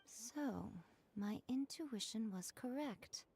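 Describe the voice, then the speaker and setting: A woman voicing a sly, mysterious female shrine priestess in a video game, speaking in a measured, cryptic way. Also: a little high, expressive, a little mellow, a little hiss or hum.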